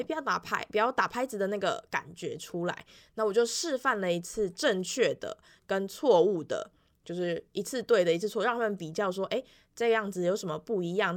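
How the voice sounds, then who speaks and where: Young woman teacher chatting, many fillers. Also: mid-range voice. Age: 20s. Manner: acts out children's voices in quoted lines. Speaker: elementary music teacher. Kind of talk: casual weekly vlog monologue.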